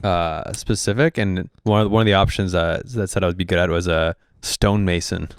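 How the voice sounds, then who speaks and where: A laid-back man in his thirties joins a casual podcast chat, laughing easily. His voice is low and smooth. The sound is dry, with no room echo. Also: steady tone, brisk. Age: 30s. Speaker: podcast guest.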